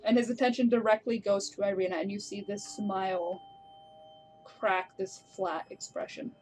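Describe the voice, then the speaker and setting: A woman narrating a tabletop game as game master, in a casual, relaxed way. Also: medium pitch, normal speed, a little hiss or hum.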